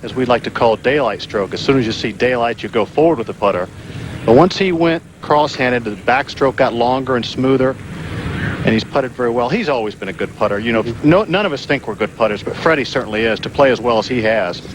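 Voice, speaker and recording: A man's voice: mid-range voice, animated, a little fast, slight background noise, low-quality recording. A man working as a golf analyst, explaining technique in a conversational commentary style.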